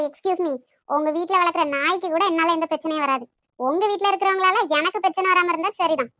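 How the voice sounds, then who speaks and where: A woman voicing an outspoken, sharp-tongued young woman in an animated story. She speaks with a Nagercoil Tamil accent and talks in a quick, teasing, scolding way. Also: very high-pitched, no room sound, studio quality. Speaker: voice actor for an animated love story. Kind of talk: cartoon voice acting.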